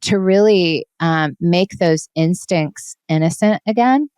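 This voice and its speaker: A woman from Hawaii talks casually as a podcast co-host, her voice sitting a little low and the sound dry and close. She searches for words, restarting phrases and leaning on fillers. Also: slow pace, darkish tone, clean tone, no echo. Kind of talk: casual conversation.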